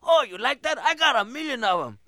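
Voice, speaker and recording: Male comic as a defiant piglet; sharp, lively, gravelly. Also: very high-pitched, a little fast, dry recording, exaggerated voice. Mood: taunting. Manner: taunting. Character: sassy defiant little boy pig.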